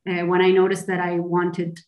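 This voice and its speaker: A woman's voice: fairly low pitch, completely flat delivery, normal speed, darkish tone, roomy sound, low-quality recording. A young adult woman from Argentina, a filmmaker being interviewed, speaking earnestly in conversational English with frequent restarts.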